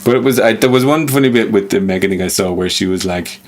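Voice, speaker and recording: Man, podcast co-host, lively storyteller, quick with impressions. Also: fairly low pitch. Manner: animated storyteller, slips into impressions, laughs often. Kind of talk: casual chat.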